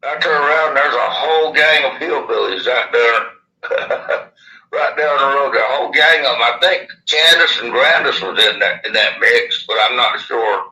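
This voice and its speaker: A man's voice: medium pitch, normal speed, bright, forceful tone, reverberant, rough recording. A man with a lisp and slushy s sounds from missing upper teeth, telling a first-hand story in a casual, folksy, rambling way. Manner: folksy, plain-spoken, rambling. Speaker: interviewee.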